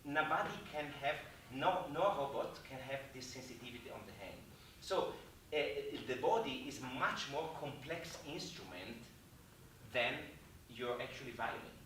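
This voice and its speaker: A man with an Italian accent giving a lively talk to musicians about practicing, now and then slipping into Italian words. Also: mid-range voice, normal speed, a little hiss or hum. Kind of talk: lecture to musicians. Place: hotel event hall. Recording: echoey hall from far off.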